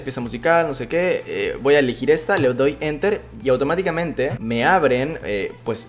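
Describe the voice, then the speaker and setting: Chatty young man explaining software. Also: mid-range voice. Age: young adult. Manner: relaxed, chatty, many fillers and restarts. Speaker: tech YouTuber. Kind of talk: casual software tutorial.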